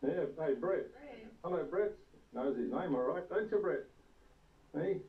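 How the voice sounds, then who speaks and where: A man's voice: on the high side, lively intonation, measured pace. A man, a father chatting casually as he films his family, heard on an old VHS home video tape. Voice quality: playful, chatty narration to family and kids. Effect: old VHS camcorder tape sound. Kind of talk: casual commentary while filming. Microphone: camcorder mic. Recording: muffled old VHS tape, distant, hiss.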